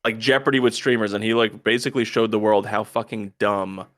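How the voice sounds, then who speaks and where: A man's voice: on the low side, steady tone, fairly quick, a bit bright, dry recording. A man co-hosting a podcast, joking bluntly and swearing in casual chat. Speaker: podcast co-host.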